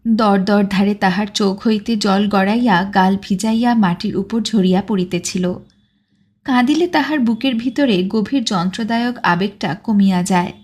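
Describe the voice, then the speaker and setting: A woman narrating a literary audiobook in a measured, expressive reading. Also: mid-range voice.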